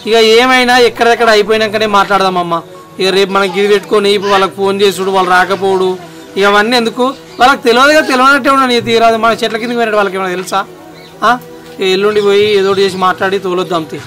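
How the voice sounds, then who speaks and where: A man playing a stubborn, bright-voiced village son. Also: high voice. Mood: dismissive. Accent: Telangana Telugu. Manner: brisk, exasperated arguing. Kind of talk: family drama acting. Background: background music.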